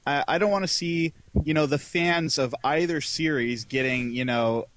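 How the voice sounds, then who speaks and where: Measured male podcast guest. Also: on the high side, a bit bright, slight background noise. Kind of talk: casual podcast chat.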